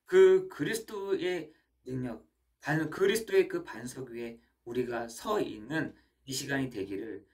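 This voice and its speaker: A pastor preaching at a midweek church service, emphatic and animated, often turning to address the congregation directly. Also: medium pitch, a little slow.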